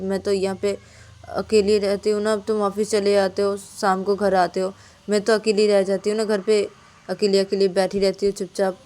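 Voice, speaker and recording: A woman doing lonely, sharp-tongued young Payal. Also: mid-range voice, close to an everyday voice. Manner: pleading, rises to sharp scolding. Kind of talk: storybook narration.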